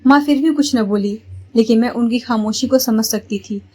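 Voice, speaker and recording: High-voiced woman telling a family story. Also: moderate pace, darkish tone. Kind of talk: first-person story narration.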